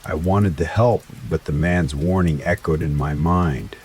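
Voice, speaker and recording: A man narrating a first-person horror story in a slow, dramatic scripted style. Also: rumbling low, very noisy. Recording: faint rain sounds behind voice. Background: rain ambience.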